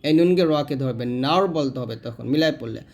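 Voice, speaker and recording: A man's voice: medium pitch, creaky, darkish tone. Man teaching Quran recitation. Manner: spells out letters and vowel marks one by one; quick explanations broken by slow drawn-out recitation. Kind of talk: step-by-step recitation lesson.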